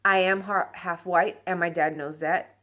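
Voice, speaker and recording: A woman's voice: lowish voice, steady tone, measured pace, fairly bright tone. A woman in her thirties with a Puerto Rican accent, ranting passionately and bluntly to camera and slipping into Spanish. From Puerto Rico. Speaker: vlogger. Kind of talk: unscripted personal rant to camera.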